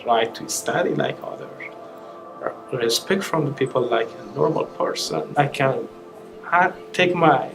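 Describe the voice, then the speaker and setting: A man from Afghanistan, giving halting personal testimony as an interviewee who searches for his words. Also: a little high, creaky, poor audio. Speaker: interviewee, asylum seeker.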